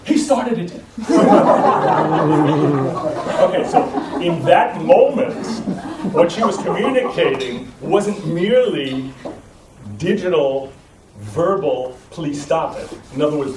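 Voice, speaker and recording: A man's voice: a little high, animated, a little slow, background noise. Man lecturing in an echoey room. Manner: explanatory, with frequent restarts and checking "right?". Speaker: voice trainer. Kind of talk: live lecture to a group. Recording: echoey room recorded from a distance.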